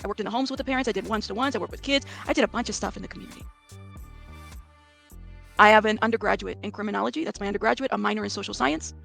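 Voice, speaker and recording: Talking rapid-fire over soft background music, a woman with an American accent and a gravelly, fairly bright mid-pitched voice bluntly explains things to her viewers. She's informal and emphatic, tossing in rhetorical questions and "okay?" and "right?" checks.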